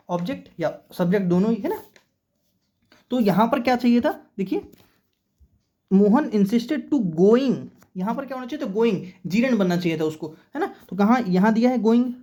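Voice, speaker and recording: A man with a high, mellow voice gives an exam-prep vocabulary and grammar lesson in English for competitive exams. He explains terms patiently, spells certain words letter by letter, and keeps checking in with "okay".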